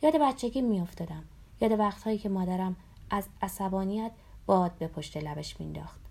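A woman narrating a memoir aloud in a calm, somber storytelling voice, sometimes dropping to a whisper. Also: medium pitch, creaky.

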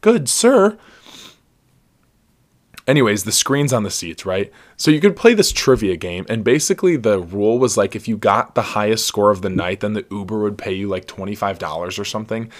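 A young man from Ohio hosts a podcast and tells a story in a loose, chatty way. His voice sits a little low, and he laughs often and keeps saying "like" as he goes. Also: a little fast, hardly any pauses. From Ohio, USA. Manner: lively, laughs often, heavy use of "like". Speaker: podcast host. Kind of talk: casual storytelling.

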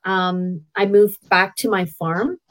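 In a low-quality recording, a traditional healer with a Canadian accent speaks slowly in a steady, mid-range voice. The middle-aged guest shares her personal history openly in conversation, with halting restarts.

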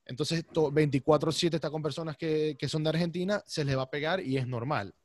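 A man's voice: fairly high pitch, brisk, dry recording, studio quality. Chatty Maracaibo Venezuelan man. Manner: lively, talks over his guest, uses voseo. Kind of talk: casual chat.

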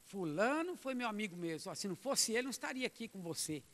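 A man preaching a sermon, emphatic, moving between loud exhortation and quiet asides. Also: high voice, very animated, quick pace, big-room sound.

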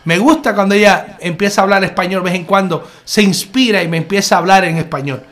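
A man's voice: sits high, quick pace, a bit bright. A man giving a conversational online sermon as a Messianic preacher, earnest, repeating key phrases and calling the listener brother.

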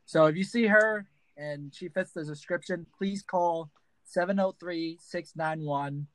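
A young man co-hosting a casual podcast, halting and full of ums. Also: fairly high pitch, fairly bright tone, no echo. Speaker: podcast co-host.

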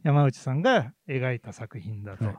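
A man co-hosting a podcast about theatre, talking in a relaxed, hesitant way with many fillers and small laughs. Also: medium pitch, moderate pace, no echo. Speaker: podcast co-host, theatre reviewer. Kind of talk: casual chat about plays.

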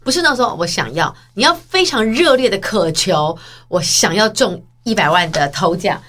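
A woman co-hosting a podcast, chatting with frequent laughs and gentle scolding. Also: medium pitch, animated, normal speed. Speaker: podcast co-host. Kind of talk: casual chat.

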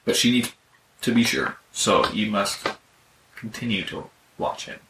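A man's voice: on the low side, expressive, unhurried. A man narrating a tabletop game as game master, playful and coaxing. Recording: roomy, distant mic, faint noise.

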